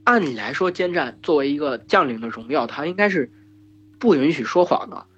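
A hoarse man hosting a podcast, retelling an epic in casual chat, full of fillers and restarts. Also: a little high, animated, fairly quick, fairly bright tone. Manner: rambling with many fillers and restarts. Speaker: podcast host retelling myths. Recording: dull lo-fi podcast recording with faint music.

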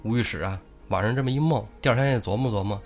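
A man tells a comic story in a chatty, joking crosstalk style. His voice sits in the middle of the range for a man, with soft music faintly behind him. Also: medium pitch, fast talker. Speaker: host.

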